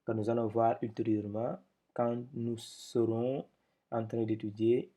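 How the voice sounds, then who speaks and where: A man's voice: medium pitch, flat delivery, a little slow, dark tone. A man teaching a step-by-step lesson, explaining patiently with repetitions and speaking up when he drills syllables.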